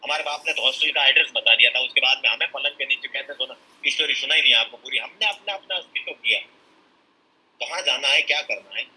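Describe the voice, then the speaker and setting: A man's voice: medium pitch, fast talker, sharp tone, husky, rough recording. A man giving a blunt, emphatic motivational talk at a business seminar. He mixes in English phrases and acts out people's excuses as he goes.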